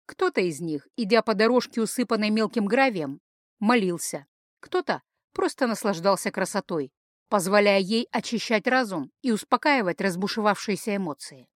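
Calm woman narrating an audiobook, dry close sound. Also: mid-range voice, moderate pace, no room sound. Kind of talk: scripted narration.

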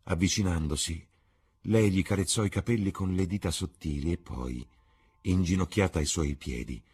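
A man narrating a classic novel as an audiobook in a measured, theatrical way. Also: deep voice, darkish tone, slightly rough. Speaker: audiobook reader. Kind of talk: scripted literary narration.

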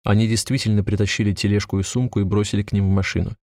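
Low-voiced man narrating a story. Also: flat delivery, rapid-fire, darkish tone, no echo, studio quality. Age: 20s. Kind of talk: first-person audiobook narration.

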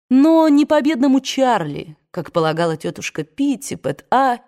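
A woman's voice: fairly low pitch, darkish tone. Woman reading a novel aloud. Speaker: audiobook reader. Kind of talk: scripted narration.

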